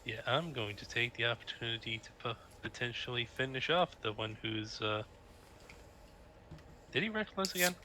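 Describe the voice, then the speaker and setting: A man speaking as a player in a relaxed, offhand way. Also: mid-range voice, normal speed, slight background noise.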